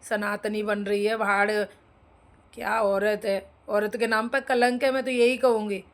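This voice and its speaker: A woman's voice: medium pitch, flat delivery, a little slow. A woman ranting to viewers in an indignant, scolding way, talking straight at the people she criticizes. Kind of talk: angry opinion rant to viewers.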